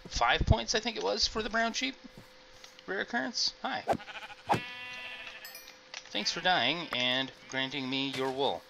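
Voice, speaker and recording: A man's voice: on the high side, a little slow, creaky, long pauses. A middle-aged man casually commenting on his game as he plays, rambling and chatting to his viewers. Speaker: gaming video host. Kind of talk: casual let's-play commentary. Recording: noisy home mic recording.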